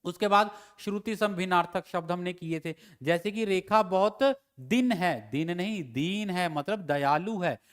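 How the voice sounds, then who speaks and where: A man with a Himachali Hindi accent teaches a grammar class for exam candidates. His voice sits high and rings clean and resonant. He works through example sentences methodically, saying each one slowly before giving the fix. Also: fairly bright tone, clear, resonant tone. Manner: repeats each example sentence slowly, then gives the corrected version. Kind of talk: exam-prep grammar lecture.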